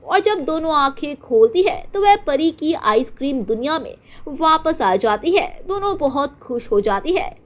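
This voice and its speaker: A woman narrating a children's story in an animated, sing-song way. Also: high voice.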